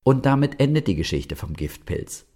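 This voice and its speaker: A man reading a children's story aloud, lively and speaking directly to the children. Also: mid-range voice, moderate pace.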